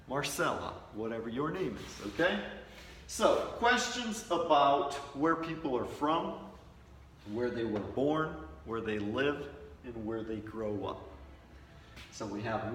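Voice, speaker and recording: A man teaching basic English phrases, speaking slowly and repeating example sentences patiently for learners. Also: mid-range voice, fairly bright tone, slight background noise. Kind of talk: slow, deliberate English lesson. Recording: roomy echo from a distant mic.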